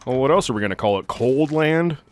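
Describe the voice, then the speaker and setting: A Californian man in his thirties co-hosts while playing a video game, chatting loosely with plenty of fillers and casual swearing. His mid-range voice is animated and fast.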